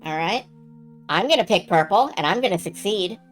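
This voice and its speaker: Woman let's play host, casual and sweary, animated pitch swings, music behind. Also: normal speed, low-quality recording. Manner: sweary, self-narrating. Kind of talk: casual game commentary. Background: game music.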